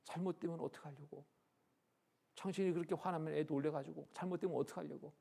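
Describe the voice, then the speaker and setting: A man with a husky, gravelly voice voicing an anxious young mother who quietly pleads with her husband in a sermon story. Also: fairly high pitch, steady tone, quick pace. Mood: pleading.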